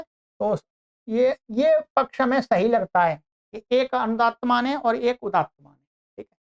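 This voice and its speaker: A woman teaching an online grammar lesson, explaining slowly and repeating her own questions to the class. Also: high-pitched, highs cut off.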